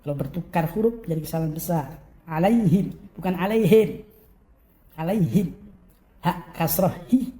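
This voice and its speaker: A man teaching Quran recitation, who chants verses in long drawn-out phrases and then gives brisk corrections. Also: on the high side, lively intonation, warm tone. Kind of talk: recitation lesson.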